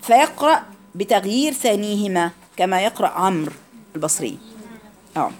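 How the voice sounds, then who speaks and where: A woman's voice: medium pitch, big pitch swings, brisk. A woman with an Egyptian accent teaching Quran recitation rules in a classroom lecture, explaining each rule and quizzing her students with questions.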